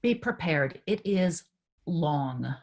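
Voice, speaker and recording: A woman's voice: low voice, lively intonation, takes it slowly, darkish tone, exaggerated voice. A woman reading the part of a devoted sister, speaking earnestly and with emotion in a staged play reading. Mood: anxious. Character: caring adult sister, anxious and tender.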